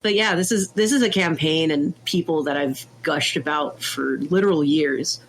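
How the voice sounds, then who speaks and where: Excitable woman telling a game story. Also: deep voice, moderate pace, slight background noise. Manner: animated, laughing, jumps into quoted voices. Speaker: podcast guest. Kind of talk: casual storytelling chat.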